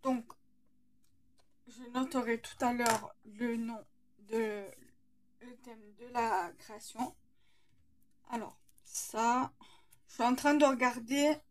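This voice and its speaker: A woman's voice: a little high, fairly even intonation, slow, long pauses. A woman with a slight lisp, hesitantly thinking aloud as she narrates a casual craft tutorial.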